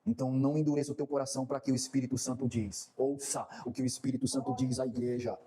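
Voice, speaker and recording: A man preaching a sermon as pastor, animated and acting out quoted dialogue. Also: mid-range voice, fast.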